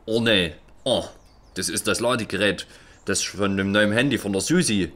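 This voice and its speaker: A man's voice: lowish voice, normal speed, fairly bright tone, close to an everyday voice. A man playing a forgetful, flustered police inspector and father in a children's audio play. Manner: flustered, fussy, absent-minded.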